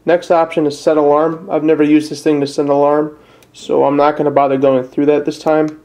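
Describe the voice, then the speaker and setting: This amateur how-to presenter is a young adult with a Midwestern American accent from northern Illinois. Speaking indoors at a desk, he explains things step by step in simple words, casually and with some hesitation. His voice is a little high and dark-toned, with a flat, fairly quick delivery.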